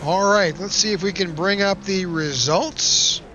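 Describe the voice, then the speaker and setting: A man doing play-by-play race broadcast commentary, upbeat, reading out results in a steady list. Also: high-pitched, measured pace, muffled recording, music in the background. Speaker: play-by-play announcer.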